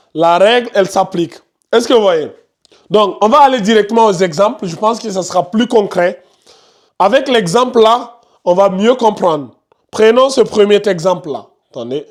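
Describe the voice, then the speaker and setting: A fairly high-pitched man teaching tajwid to his students over a video call. He repeats his points and keeps pointing at the screen. He gives careful, patient explanations. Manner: repetitive, pointing out details on screen, scolds noisy students. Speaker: Quran recitation teacher. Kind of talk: online class teaching tajwid.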